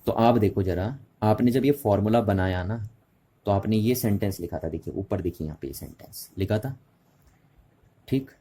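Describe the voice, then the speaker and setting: Low, husky male physics teacher. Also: moderate pace, warm tone. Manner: patient, repeats key terms and checks understanding. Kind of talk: classroom lecture mixing Hindi and English.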